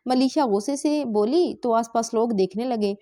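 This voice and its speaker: A woman with a Pakistani Urdu accent reads a romance novel aloud as audiobook narration, handling every character's dialogue herself. Her voice sits high, and she keeps the reading dramatic and steady throughout. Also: moderate pace.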